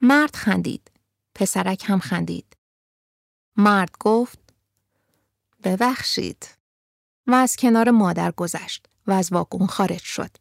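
A woman narrating a story in a calm, even reading voice. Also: medium pitch, creaky, no echo, studio quality.

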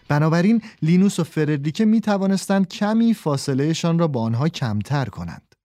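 A man reads a children's story aloud with expressive, animated storytelling. His voice is high and lively, with a mellow, warm tone, and the sound is dry and close. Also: no echo. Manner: expressive storyteller voicing all characters. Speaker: narrator. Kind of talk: scripted audiobook narration.

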